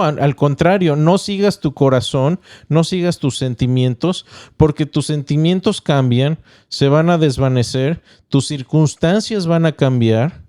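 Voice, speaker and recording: Male pastor-host, mellow and resonant, measured teaching delivery with small restarts. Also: fairly high pitch, dry recording, studio quality. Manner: explains point by point, checks in with listeners. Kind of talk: teaching podcast talk.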